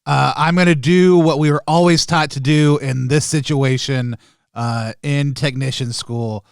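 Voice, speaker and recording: A man's voice: on the high side, steady tone, unhurried, creaky, clean tone, no room sound. Man playing a tabletop game, dry close sound. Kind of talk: casual improvised role-play chat.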